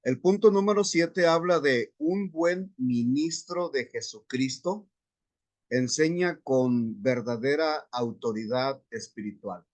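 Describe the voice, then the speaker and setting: A man teaching a Bible class, explaining scripture and Greek words step by step in an unhurried lecturing manner. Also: medium pitch. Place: church classroom.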